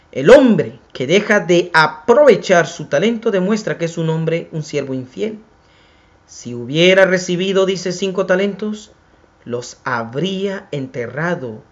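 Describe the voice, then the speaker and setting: Man preaching, swinging loud to hushed. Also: a little high, dull audio. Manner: dramatic preaching that swings from raised, emphatic lines to hushed near-whispers; addresses listeners as brothers and builds long repeated lists. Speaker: preacher and program host. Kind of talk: sermon.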